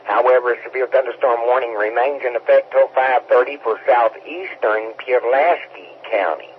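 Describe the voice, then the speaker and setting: Net control man, mid-pitched, orderly, phone-thin radio with faint hiss. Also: moderate pace. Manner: orderly, relaxed, filler-heavy. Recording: tinny radio with faint static.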